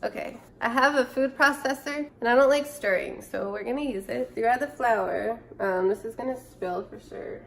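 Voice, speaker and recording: This cooking vlogger, a woman in her twenties with a cold-clogged nasal voice, chats and muses as she cooks at home. Her fairly high, creaky, somewhat bright voice moves at a moderate pace with few pauses. Slight background noise comes through the close-up camera or phone.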